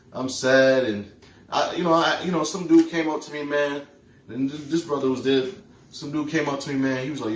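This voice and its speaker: A man in casual religious talk, rambling, repeating himself and tagging lines with "man". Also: a little high. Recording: roomy, distant mic with faint noise.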